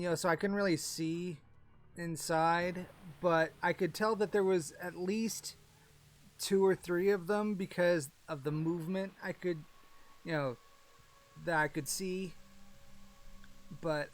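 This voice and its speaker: A man acts out an elderly woman witness in an improvised tabletop game, her voice set a touch higher than his own. She talks slowly and haltingly, stacking up fillers and restarts. The result is polite and gossipy. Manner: hesitant, stammering, full of fillers. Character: nosy elderly woman neighbor, rambling and polite. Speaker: game master. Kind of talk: tabletop role-play, improvised character voice.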